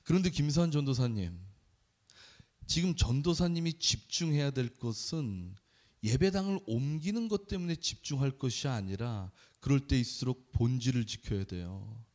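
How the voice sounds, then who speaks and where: A man's voice: medium pitch, lively intonation, normal speed, a little mellow, pitched below the performer's own voice, close to an everyday voice. A male preacher quoting an insistent older male professor who earnestly repeats his point.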